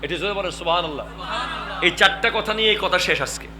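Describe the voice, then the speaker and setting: A man's voice: high-pitched, fast, echoey room, noisy background. A man preaching an impassioned sermon to a gathering, urging the crowd to call back. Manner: rising to impassioned shouts, calls crowd to respond. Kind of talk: Bengali waz sermon.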